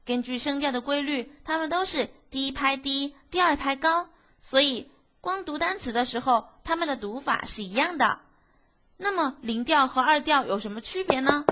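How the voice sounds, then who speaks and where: A woman's voice: sits high, animated, moderate pace, bright, forceful tone. A woman teaching a beginner language lesson, explaining patiently step by step and asking the class questions. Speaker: Japanese teacher.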